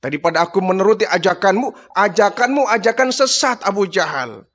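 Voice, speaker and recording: A man's voice: high-pitched, lively intonation, a little fast, a bit bright. A man voicing a poor, devout woman who firmly defies her tormentor, within a storytelling sermon. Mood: defiant. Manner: firm, defiant declarations. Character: defiant devout poor woman, unshakable faith.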